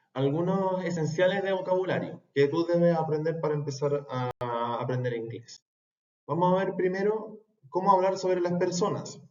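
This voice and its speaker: A man teaching a pronunciation lesson, repeating words slowly and carefully. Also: high-pitched, darkish tone. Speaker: English teacher. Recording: echoey room, dull lo-fi sound.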